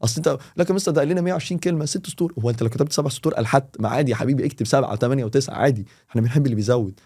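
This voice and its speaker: A man with an Egyptian Arabic accent, a teacher talking in a casual podcast and explaining with quick, animated examples. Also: medium pitch, breathy edge. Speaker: English teacher, podcast guest.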